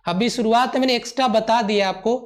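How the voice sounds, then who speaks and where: A man teaching a live online physics class, repeating each point and gently calling his students "beta". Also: very high-pitched, fast. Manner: mixes English terms into Hindi.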